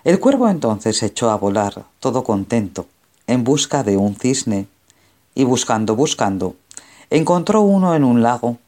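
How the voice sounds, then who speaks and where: A male storyteller reading a fable aloud in a calm, measured voice. His tone is dark and mellow, and his pitch sits at an ordinary middle height. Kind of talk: storybook narration.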